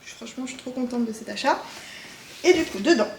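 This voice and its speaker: A woman's voice: on the high side, fast talker, darkish tone, reverberant, slight background noise. A woman chatting casually as she shows her knitting projects, talking in a loose, hesitant way with frequent filler sounds. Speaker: knitting vlogger. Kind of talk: casual show-and-tell chat.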